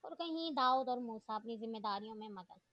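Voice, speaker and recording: A woman narrating a novel in a steady storytelling manner. Her voice sits a little high. The recording is dull, lo-fi and completely dry. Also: a little fast, no room sound. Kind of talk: reading a novel aloud.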